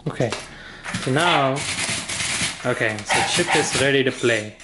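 A man giving a casual hands-on product demonstration, halting and informal as he thinks aloud. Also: mid-range voice, heavy background noise. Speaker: product reviewer. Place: indoor room with wooden floor.

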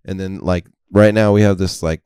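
A man's voice: low voice, fairly even intonation, moderate pace, darkish tone, clear, resonant tone, no echo, studio quality. A young man co-hosting a podcast, swearing and laughing through crude casual banter. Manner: profane, laughing, riffing. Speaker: podcast co-host.

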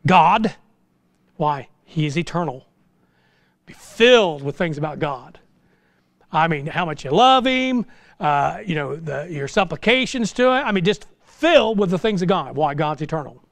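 Inside a small church sanctuary, a pastor gives an informal sermon, folksy and exhortative and full of rhetorical questions. He's a middle-aged American man whose voice sits high, and no room sound comes through.

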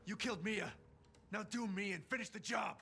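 A man's voice: high voice, moderate pace, vocal fry, heavy background noise. An actor playing a desperate, bewildered father in a survival horror video game. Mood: angry, desperate. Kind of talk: video game cutscene acting.

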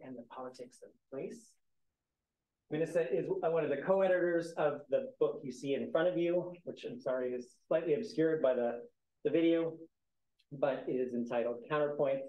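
A man's voice: mid-range voice, darkish tone. A male moderator introduces the speakers at a university event, reading their credentials with dry little asides and a joke at his own expense. His voice sits in a middle register. The sound carries the echo of a large lecture hall. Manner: reads bios with light asides and self-deprecating humor.

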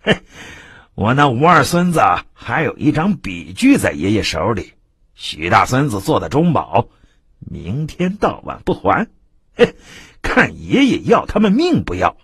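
A man's voice: medium pitch, wildly swooping pitch, a little slow, a bit bright, slightly rough, dry recording, clean studio sound, pitched above the performer's own voice, full character voice. A man voicing a swaggering, coarse male constable who gloats and threatens. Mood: gloating.

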